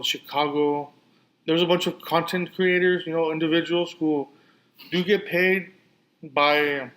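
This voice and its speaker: A man's voice: a little high, fairly bright tone, poor audio. A man hosting a casual solo podcast, talking with a lisp and a slight slur, rambling with many restarts and fillers. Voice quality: lisp and slurred speech. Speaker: podcast host.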